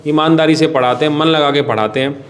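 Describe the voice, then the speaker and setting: A man's voice: fairly high pitch, fairly even intonation, brisk. A man who runs a coaching academy, answering interview questions earnestly and with passion, often addressing the interviewer as sir. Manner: impassioned, pleading, repeatedly addresses the interviewer as sir.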